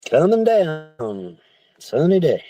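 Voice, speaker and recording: A man's voice: a little high, sing-song, slow pace, warm tone, dry recording. A middle-aged man chatting casually and repeating himself on a livestream from inside a car, with rain hitting it. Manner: rambling, repeats phrases. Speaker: livestreamer reading and answering viewer chat. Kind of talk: rambling casual livestream chat.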